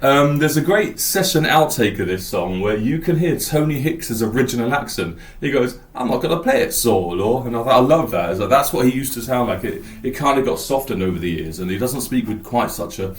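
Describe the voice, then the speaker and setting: A man's voice: mid-range voice, animated, fairly quick, few pauses, roomy sound. A man hosting a podcast, rambling enthusiastically about an album and thinking aloud. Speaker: podcast host. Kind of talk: casual album talk.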